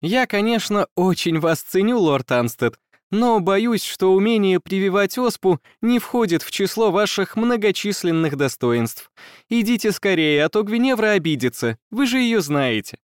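A male audiobook narrator voicing a kind young woman schoolteacher who teases gently and talks briskly, in a lifted voice. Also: high-pitched, very animated, clear, resonant tone, dry recording, clean studio sound, pitched above the performer's own voice. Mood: teasing. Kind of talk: audiobook character voice.

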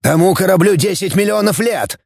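A man's voice: sits high, brisk, gravelly, darkish tone, no room sound, studio quality, voice pushed up. A man voicing a wiry, irritable elderly starship captain who barks and sneers at a junior officer. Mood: heated. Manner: barking, sneering, then weary.

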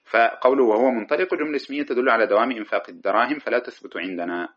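In a racing, medium-pitched voice, a man lectures on a classical grammar text, explaining each line and chanting the verses he quotes. He corrects himself mid-sentence now and then. The recording is dull and lo-fi.

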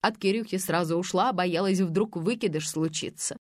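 A woman reading an audiobook, voicing a brash, spiteful, scheming woman with a shrill, mocking manner. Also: normal speed, no echo, clean studio sound, close to an everyday voice. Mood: bitter confession. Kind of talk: audiobook character voice.

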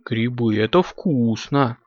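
A man voicing a thoughtful, always hungry boy kitten who drawls slowly and whines, on a dull lo-fi recording. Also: on the high side, big pitch swings, no echo, voice pushed up. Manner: slow, whiny, dreamy.

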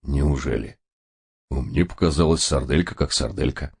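A man's voice: a bass voice, unhurried, vocal fry, a little mellow, husky, full character voice. A man playing a whiny, dim-witted fearful man. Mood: bewildered.

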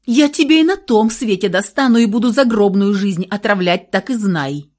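A stubborn, frantic young woman, performed by a woman reader flares up in high, shrill bursts. Her voice leaps sharply up and down as she pleads and scolds in an audiobook. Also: big pitch swings, normal speed, dark tone. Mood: desperate. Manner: shrill, outbursts of hysterics. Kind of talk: audiobook role reading.

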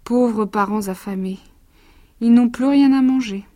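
A woman with a fairly high voice reads rhymed children's stories at an unhurried pace. Her delivery is rhythmic and expressive. She drops into a quieter, quicker tone when she reminisces between the verses. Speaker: actress reading childhood stories.

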